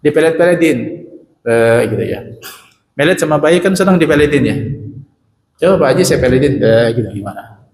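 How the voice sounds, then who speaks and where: A man's voice: on the high side, brisk, pauses often, a little mellow. A middle-aged man giving a casual, joking sermon in a mosque, talking directly to his listeners. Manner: chatty, joking, talks to the audience. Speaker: preacher. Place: mosque hall. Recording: echoey mosque hall, long reverb, faint noise.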